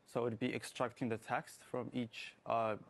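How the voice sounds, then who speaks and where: A young man who grew up in Ethiopia, a student guest in a morning TV interview, speaking haltingly with many fillers. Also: medium pitch, little pitch movement, creaky. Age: young adult. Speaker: guest, student app developer.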